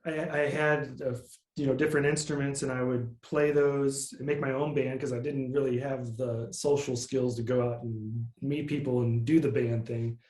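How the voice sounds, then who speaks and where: A man with a nasal voice, a musician guest in a casual interview, talking in a relaxed, rambling way with plenty of fillers. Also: mid-range voice, normal speed, hardly any pauses, echoey room.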